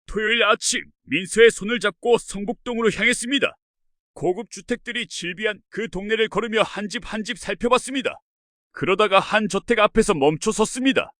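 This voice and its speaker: A man narrating a first-person family story in an earnest, steady way. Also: sits high, brisk, dry recording, clean studio sound.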